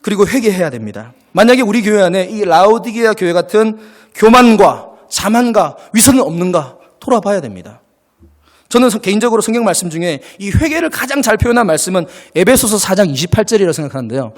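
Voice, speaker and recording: A man's voice: high voice, big pitch swings, fast. A man preaching a sermon as pastor, acting out little dialogues and laughing along with the congregation. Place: church sanctuary. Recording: long church reverb.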